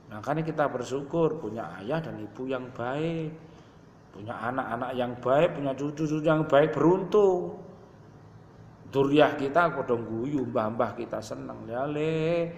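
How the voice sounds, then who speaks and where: A man's voice: mid-range voice, gravelly, fairly bright tone. A man in his fifties with a Javanese accent, preaching a sermon and telling stories in which he acts out his parents' prayers. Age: 50s. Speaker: Islamic preacher. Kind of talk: sermon mixing Indonesian and Javascript dialect. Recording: echoey hall with long reverb.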